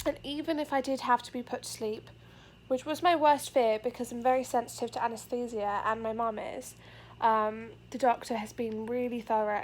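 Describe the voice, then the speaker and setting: A young pregnant woman with a fairly high voice records a casual update vlog, speaking earnestly to the camera facing her. She rambles, uses plenty of fillers, and sounds a little out of breath, with a touch of hiss or hum behind her.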